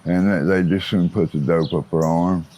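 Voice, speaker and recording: A low-voiced Appalachian man in his fifties with a plain-spoken biker manner. He gives candid interview answers in rough, folksy grammar, with clear outdoor noise and birdsong around him. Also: fairly even intonation, normal speed, dark tone, rough recording. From West Virginia. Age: 50s. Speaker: interview guest, former biker gang associate. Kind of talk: candid interview answers about own life.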